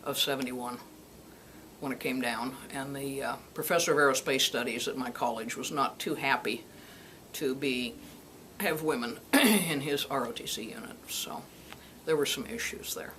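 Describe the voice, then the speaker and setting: Lively storytelling woman in her sixties. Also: a bass voice, moderate pace, slight background noise. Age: 60s. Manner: lively, acts out dialogue, laughs often. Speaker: retired Air Force colonel, veteran. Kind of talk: personal storytelling interview.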